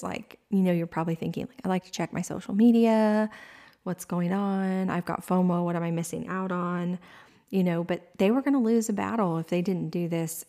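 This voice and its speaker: A woman gives a casual devotional teaching in a chatty, earnest way, often breaking into exclamations. Her voice sits fairly low and moves in a narrow, even range. Its tone is mellow and warm. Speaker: devotional speaker.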